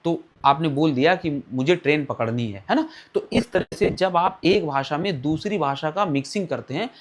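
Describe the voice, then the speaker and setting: Give me a male exam-prep teacher with a slightly high voice who quizzes and answers himself. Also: lively intonation, moderate pace. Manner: asks questions and answers them himself; repeats key terms for emphasis. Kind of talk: online exam-prep lecture.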